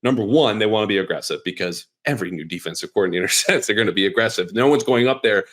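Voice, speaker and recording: A man hosting a sports podcast, running down notes in an energetic, conversational way with lively emphasis. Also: on the low side, fast. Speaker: podcast host, sports reporter. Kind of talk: casual sports chat.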